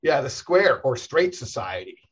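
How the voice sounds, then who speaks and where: Husky-voiced rabbi telling rambling stories. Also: male voice, mid-range voice, a little slow, lo-fi sound. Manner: rambling, animated, chuckles often, many restarts. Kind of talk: casual storytelling conversation.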